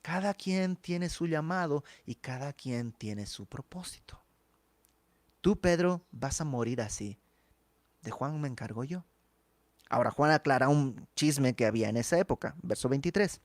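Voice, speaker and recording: A man's voice: mid-range voice, animated, a little slow, no room sound. A man teaching a verse-by-verse Bible study in a conversational way, acting out the dialogue of the text.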